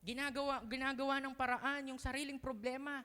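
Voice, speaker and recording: A woman preaching a youth sermon in a church hall, emphatic, swinging between loud cries and soft asides, mixing Tagalog and English. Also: high voice, flat delivery, brisk. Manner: mixes Tagalog and English freely. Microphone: livestream sound. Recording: long reverb of a church hall.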